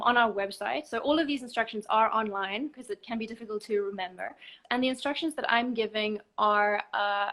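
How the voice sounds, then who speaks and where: A woman, a guest counsellor explaining procedures calmly and step by step in a live online chat. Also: on the high side. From South Africa. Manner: calm, methodical step-by-step explaining. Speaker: abortion help desk counsellor, guest expert.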